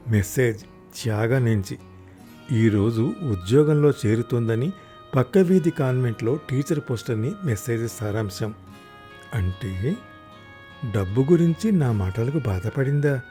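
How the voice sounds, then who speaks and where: Male storyteller, first-person story narration, warm dark voice, average pitch, angry outbursts in dialogue. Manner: voices the husband's lines with loud angry raised pitch.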